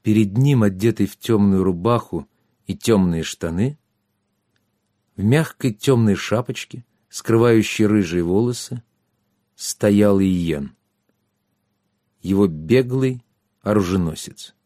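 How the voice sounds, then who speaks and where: A man reads a story aloud with an even, storytelling delivery. His voice is dark and mellow, recorded close and dry with no room sound. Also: fairly low pitch, slow pace, pauses often, no echo. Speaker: narrator. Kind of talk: audiobook narration.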